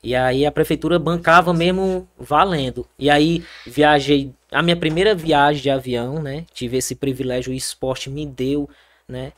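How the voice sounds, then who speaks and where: A young Brazilian man, a soldier and triathlete, telling his story as a guest in a casual interview, animated and full of fillers and restarts. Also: on the high side, moderate pace.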